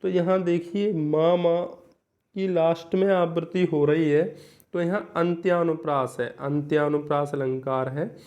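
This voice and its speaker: A male teacher giving a grammar lesson, repeating each definition and reading verse examples slowly. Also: a little high, little pitch movement, a little mellow. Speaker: Hindi literature teacher. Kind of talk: classroom-style grammar lesson.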